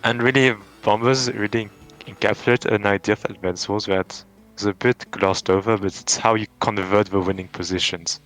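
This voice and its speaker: A man's voice: lowish voice, fairly even intonation, moderate pace, hardly any pauses, fairly bright tone, faint music behind. A man with a French accent, answering interview questions in a casual, thoughtful way with frequent restarts and fillers. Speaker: tournament champion guest.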